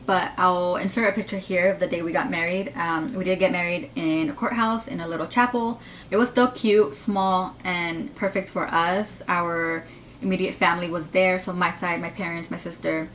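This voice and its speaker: A woman in her twenties talks through a casual question-and-answer vlog, rambling and full of fillers, with a slight lisp from her braces. Her voice sits on the lower side, and a faint hiss runs underneath. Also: low-quality recording. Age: 20s. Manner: chatty, rambling, lots of fillers. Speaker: YouTuber.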